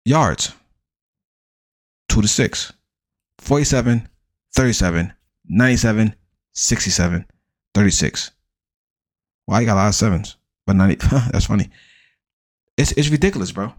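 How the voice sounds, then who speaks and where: A man's voice: on the low side, expressive, normal speed, pauses often. A man hosting a fantasy football show, talking casually and bluntly with lots of swearing, rattling off stat lines and mocking the hype around players. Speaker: fantasy football podcast host. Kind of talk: casual profane sports chat.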